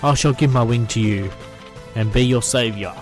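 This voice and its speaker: A man reading a brave young female knight, loud, formal, declaiming, in his own low-ish voice. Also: normal speed, faint music behind, natural voice. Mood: heroic.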